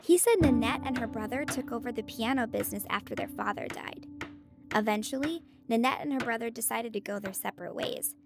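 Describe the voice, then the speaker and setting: High, gravelly-edged young girl explorer, voiced by a woman. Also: a little fast, music in the background, lightly acted. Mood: explaining. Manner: explains facts in a clear storytelling way. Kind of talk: children's audio drama acting.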